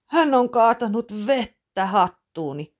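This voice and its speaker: A fussy storybook father with an oddly rough voice, loud and aggrieved, as a woman narrator voices him. He sounds put out. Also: deep voice. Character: fussy father, proud of his hat.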